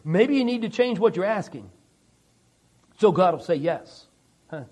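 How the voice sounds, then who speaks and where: A man's voice: high-pitched, expressive, unhurried, darkish tone. A man preaching a sermon in a conversational way, chuckling and asking the congregation rhetorical questions. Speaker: pastor.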